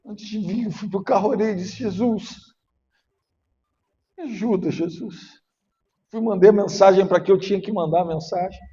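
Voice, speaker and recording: A male pastor preaching a sermon, emotional and at times rising to shouting. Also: high voice, steady tone, fast, hardly any pauses. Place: church. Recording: muffled echoey church hall.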